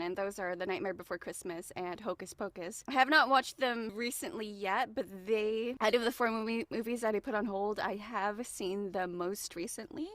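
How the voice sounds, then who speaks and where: A woman guest co-host chatting casually, rambling in an animated way and giggling often. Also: medium pitch, no room sound. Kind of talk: casual chat.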